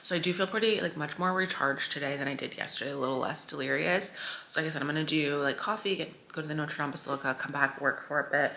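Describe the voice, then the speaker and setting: A woman's voice: low-pitched, fast, vocal fry, pushed and bright, slight background noise. A young American woman chatting casually in a vlog, rambling with lots of fillers and self-corrections. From United States. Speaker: travel vlogger.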